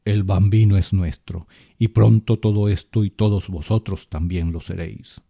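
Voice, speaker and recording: A man's voice: on the low side, steady tone, moderate pace, creaky, no echo, dull audio. Give me a menacing guttural spirit of drowned souls, put on by a man. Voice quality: thick, guttural voice. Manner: menacing, taunting. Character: vengeful collective spirit of drowned souls possessing a small boy.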